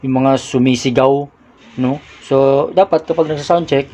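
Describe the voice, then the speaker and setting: A man's voice: mid-range voice, fairly even intonation, moderate pace. A man demonstrating mixer settings in a casual how-to vlog, explaining step by step in a small room. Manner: explains step by step, shouting test calls into the mic. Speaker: audio equipment vlogger.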